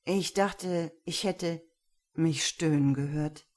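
A woman voicing a tense, quick-tempered young man who snaps and stammers defensively. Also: deep voice, darkish tone. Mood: flustered.

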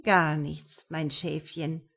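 A woman reading an audiobook, voicing a scheming woman who speaks softly and calmly. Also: on the low side, a little slow. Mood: soothing. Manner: soft, calm. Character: scheming woman, soft and calm.

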